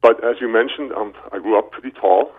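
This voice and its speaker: A brisk, breathy-edged mid-range voice belongs to a German-accented man in his fifties from Berlin. He's a chiropractor appearing as an interview guest, casually telling his own story over a narrow, muffled phone line.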